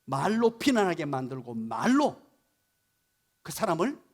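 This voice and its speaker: A male pastor delivers a Sunday morning sermon in a church. His voice sits high and swings widely as he preaches. He keeps asking rhetorical questions and stops to explain Hebrew words. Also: big pitch swings, unhurried. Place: church sanctuary.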